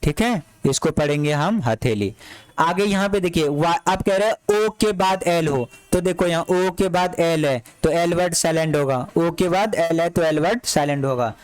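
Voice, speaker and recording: High-voiced male teacher drilling words. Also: moderate pace, clear, resonant tone, dry recording, soft background music, low-quality recording. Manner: repeats each word and asks the class to answer back. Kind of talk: classroom lesson.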